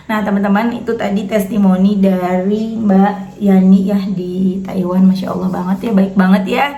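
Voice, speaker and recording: A woman's voice: mid-range voice, dark tone, echoey room. A woman host, reading out a viewer's letter and then reflecting on faith, speaking chattily and often addressing her listeners as friends.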